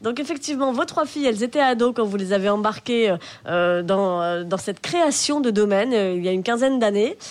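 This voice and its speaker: A woman wine journalist interviews a guest on a radio show. She speaks at an ordinary pitch in a friendly way, hesitating often with small fillers. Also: expressive, fairly quick, few pauses.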